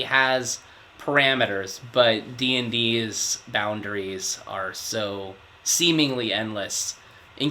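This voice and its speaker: A man in his thirties answering interview questions in a thoughtful, measured way with pauses. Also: medium pitch, bright, forceful tone. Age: 30s. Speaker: interviewee, project manager.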